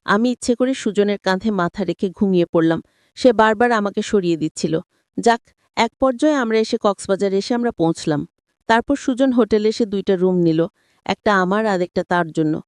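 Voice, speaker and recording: A woman's voice: mid-range voice, brisk, a little mellow, clean tone, dry recording, studio quality. A woman narrating a first-person story and addressing her listeners directly.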